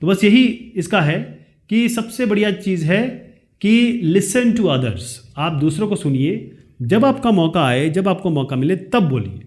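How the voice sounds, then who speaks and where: Male teacher, high and animated, reads quiz questions slowly, then explains them briskly. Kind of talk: explaining quiz answers in a lesson.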